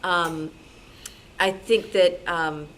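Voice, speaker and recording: At a club meeting recorded noisily in a live room, an American woman radio programmer answers questions with conversational enthusiasm. Her fairly low, slightly bright voice stays steady in tone, and she draws out her words.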